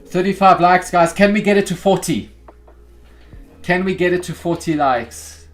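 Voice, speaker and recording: A man's voice: high-pitched, normal speed, faint music behind. A young man from Africa, hosting a live trading stream in an upbeat, chatty way and talking straight to his viewers. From South Africa. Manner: upbeat and chatty, talks straight to viewers, calls them guys and bro. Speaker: livestream trading host. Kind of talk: casual live-stream chat.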